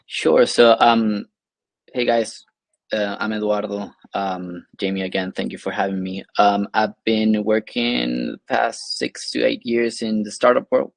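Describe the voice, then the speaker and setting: A Venezuelan man, an associate at an investment platform, explains his work as a guest in a webinar interview, hesitating with many fillers and restarts. His lowish voice is flat and unhurried, with vocal fry and no room sound.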